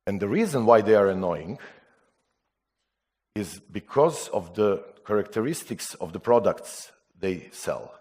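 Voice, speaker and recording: A man from Serbia speaking non-native English at a conference, halting with restarts and putting rhetorical questions to the audience. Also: fairly low pitch, expressive, darkish tone. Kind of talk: conference talk.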